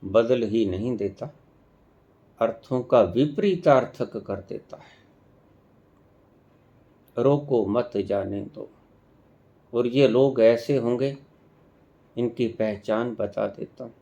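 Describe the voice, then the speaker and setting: A man giving a devotional discourse as a spiritual teacher, speaking in a measured way with long pauses and emphatic stresses. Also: medium pitch, mellow, highs cut off.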